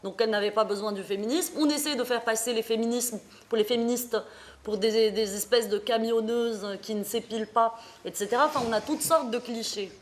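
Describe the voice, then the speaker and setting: A woman's voice: a little high, fairly quick. Earnest woman speaker from Morocco. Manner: earnest, hesitant, many fillers and restarts. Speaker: panel speaker. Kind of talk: public talk at a debate.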